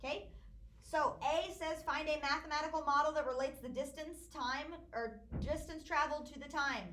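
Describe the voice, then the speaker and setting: A woman teacher with a high voice explains equations to her class one step at a time. The sound is roomy and echoey, with a faint hiss underneath. She keeps her students in line as she goes. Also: fairly even intonation, normal speed. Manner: hushing a chatty class, walks through problems step by step. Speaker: math teacher. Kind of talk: classroom lecture.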